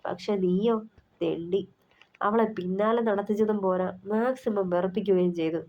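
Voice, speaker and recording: A woman's voice: mid-range voice, normal speed, close to an everyday voice. A woman voicing a protective older brother, a young man who talks bluntly and scolds his friend. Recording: slightly muffled recording.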